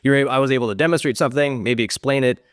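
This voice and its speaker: A man's voice: medium pitch, racing, clear, resonant tone, no room sound, clean studio sound. A man hosting a podcast as the coach, talking casually and upbeat, often saying "dude" and restarting his sentences. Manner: upbeat, says "dude" a lot, many restarts. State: winded after a workout. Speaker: podcast host and gym coach.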